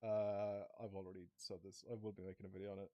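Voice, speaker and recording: A man's voice: low-pitched, flat delivery, quick pace, dark tone, dry recording, highs cut off. A young man casually streaming a racing game. He rambles, swears freely, talks to his viewers and says he is starting to lose his voice. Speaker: gaming streamer. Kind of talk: casual live-stream commentary.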